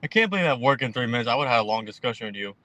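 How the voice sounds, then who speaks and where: An excited man calls in and talks very fast, hyped up and rushed. His voice is bright and forceful, recorded close and dry. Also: medium pitch, no echo. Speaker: caller. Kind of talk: casual call-in chat.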